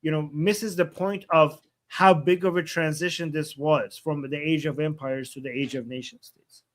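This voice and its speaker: A man's voice: a little high, fairly even intonation, moderate pace. A man in his forties co-hosting a casual live stream, playful and rambling, laughing easily as he gives advice. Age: 40s.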